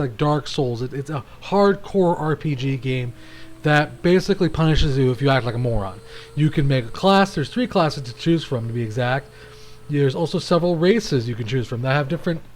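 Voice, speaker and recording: A chatty man talks his way through a video game in a loose, rambling manner, often restarting his sentences. His voice sits a bit higher than most men's. A faint hiss of noise stays under it. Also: a little mellow. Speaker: gaming channel host. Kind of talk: casual gameplay commentary.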